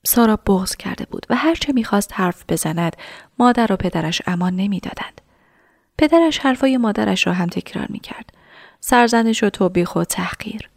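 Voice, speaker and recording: A woman narrating a story in a soft, half-whispered reading voice. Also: medium pitch, expressive, creaky, no room sound, studio quality.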